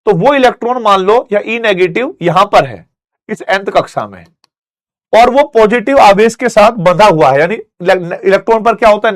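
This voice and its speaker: A male teacher giving a classroom lecture, telling stories and making sound effects to explain a point. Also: high-pitched. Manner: animated storytelling with sound effects.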